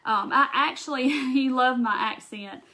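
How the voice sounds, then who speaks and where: A Southern-accented woman runs a live craft demo, talking right to her viewers and replying to their comments while she works, rambling along with restarts and laughter. Her voice is high, a little slow, pushed and bright, and the audio quality is poor.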